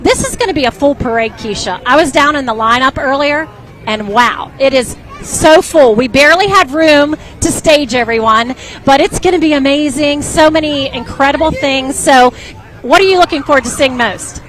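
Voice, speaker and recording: A woman's voice: sits high, moderate pace, rough recording. A woman hosting live event commentary outdoors in a chatty, enthusiastic, casual manner. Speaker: parade broadcast host. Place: outdoors on a street at a parade. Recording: street crowd, traffic and loud music behind. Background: music, crowd, vehicles.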